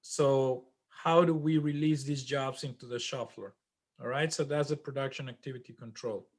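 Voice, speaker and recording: A man teaching an online class over a video call, halting with many restarts and fillers. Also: medium pitch, fairly even intonation. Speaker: instructor.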